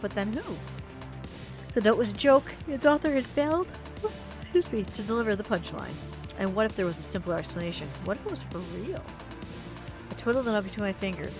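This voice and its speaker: A woman streamer reading a story game's narration aloud, expressive, with asides and small stumbles. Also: mid-range voice.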